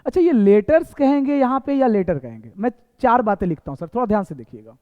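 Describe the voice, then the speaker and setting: Man, teacher, very high voice, lively, tinny echoey hall sound. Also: fast talker. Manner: repetitive, quizzing with rhetorical questions. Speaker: English teacher. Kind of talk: classroom lesson.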